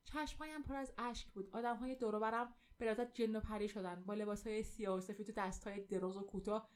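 A woman reading a first-person story aloud with vivid, expressive narration. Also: medium pitch.

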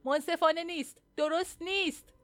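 A woman's voice: fairly high pitch, expressive, a little mellow, no echo. A woman voicing a desperate middle-aged village wife who pleads and insists.

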